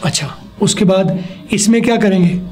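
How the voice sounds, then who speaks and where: A man teaching a spoken language lesson, slowly modeling words and having a pupil repeat them back after him. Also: high-pitched, a little mellow, soft background music. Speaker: English teacher.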